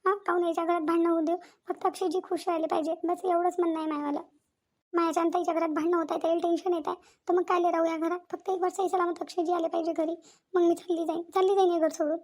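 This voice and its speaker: A very high, thin voice belongs to a frantic young village bride in a cartoon, with a woman putting her on. She pleads and repeats herself, guilty and close to tears. The pitch sits far above an ordinary speaking voice. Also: level tone, very fast, a little mellow. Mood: pleading. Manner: pleading, repetitive wailing. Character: anxious young village daughter-in-law, tearful, guilty. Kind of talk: cartoon voice acting.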